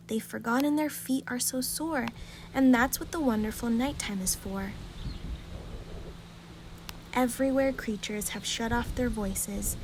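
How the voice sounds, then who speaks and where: A woman reads a rhyming children's bedtime story aloud in a calm, gentle, expressive storytelling way. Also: on the high side, slight background noise.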